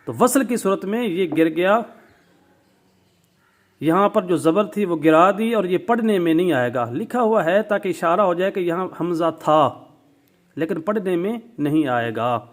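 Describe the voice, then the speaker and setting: A man's voice: sits high, animated. A man with a Pakistani Urdu accent teaching Quran recitation rules, explaining patiently step by step and drawing out vowels to demonstrate. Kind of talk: tajweed lesson.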